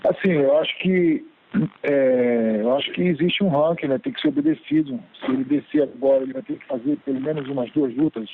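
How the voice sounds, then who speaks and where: A man's voice: medium pitch, big pitch swings, fast, creaky. A man, a fighter, answering a reporter's question over a conference call phone line, hesitant and thinking aloud with fillers. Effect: heard over a phone conference line. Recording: tinny phone line with faint hiss.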